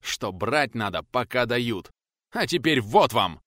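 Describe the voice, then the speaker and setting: A man voicing a fierce elderly retired teacher who shouts and scolds in rustic old speech. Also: medium pitch, sing-song, takes it slowly, no room sound, studio quality. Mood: bitter ranting.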